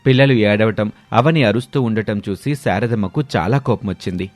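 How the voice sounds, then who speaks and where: A man narrating a moral storybook in a steady, expressive way. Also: lowish voice, moderate pace, soft background music.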